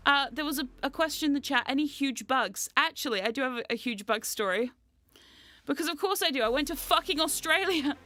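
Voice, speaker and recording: A jet-lagged woman from New Zealand with a slightly sore throat, chatting casually to livestream viewers in an excitable, giggly, rambling, playfully dramatic and sweary way. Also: high-pitched, brisk, no room sound, clean studio sound. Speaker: VTuber streamer and host.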